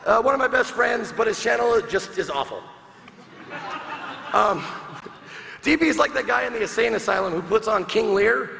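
A man's voice: high-pitched, lively intonation, moderate pace, gravelly, pauses often, pushed and bright. A man performing a comedy roast on stage, firing off mocking punchlines and laughing at his own jokes. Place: large convention hall with live crowd. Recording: echoey hall, noisy crowd.

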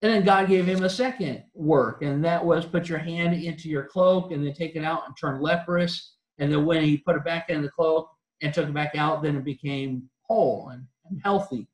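A man with a fairly high voice delivers an earnest sermon full of direct questions to his listeners. He often stumbles and restarts mid-phrase. The sound carries the echo of a church auditorium. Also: normal speed, few pauses. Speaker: preacher. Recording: echoey church hall.

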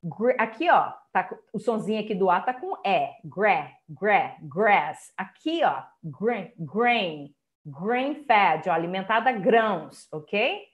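A woman's voice: mid-range voice, big pitch swings, a little slow, narrow, tinny audio. A Brazilian Portuguese-speaking woman giving an online lecture as an English teacher, explaining step by step and checking in with listeners. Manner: explanatory, chatty, many checking tags like "tá?" and "ó".

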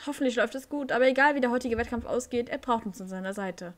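Woman reading supportive young woman, game dialogue, slightly high voice. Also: quick pace, natural voice. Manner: reads game text aloud.

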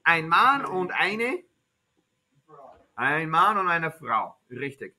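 A man who is not a native speaker of German teaches a beginner high-school class in a classroom, asking simple questions again and again and answering them himself. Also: big pitch swings, slow pace, sharp tone. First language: English. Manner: simple repeated questions to students, self-answering.

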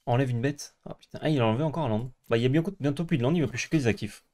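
A man's voice: mid-range voice, very fast, darkish tone. French man, narrates his card plays, grumbly, jokey, casual. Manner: narrates his own moves, grumbling and joking. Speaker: co-host. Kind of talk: casual gameplay commentary.

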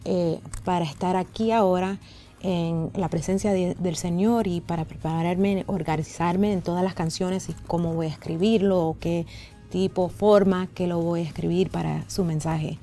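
A woman, a native English speaker with American-accented Spanish, answering haltingly in an interview and searching for words. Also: lowish voice, steady tone, dark tone, faint music behind. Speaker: interview guest, singer. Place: indoor radio and TV studio set.

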